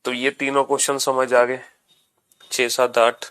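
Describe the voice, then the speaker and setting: In a medium-pitched, fairly bright, clean voice with little pitch movement, a man lectures a class at a slightly slow pace. He walks through things step by step, repeating points, mixing in English phrases, and calling students "beta."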